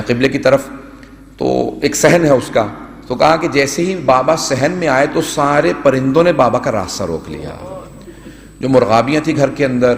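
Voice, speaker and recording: Male cleric, mournful sermon storyteller, mid-pitched, lots of hall echo. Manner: emotive storytelling, voicing the figures in the story. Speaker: cleric reciting a majlis. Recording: echoey hall reverb.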